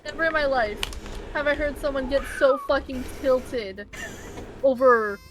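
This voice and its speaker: A woman's voice: high-pitched, a little slow, background noise. A woman co-streaming a game, teasing her partner and laughing often. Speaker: streamer co-host. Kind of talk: casual live-stream chat. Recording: game music behind the voice. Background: game music.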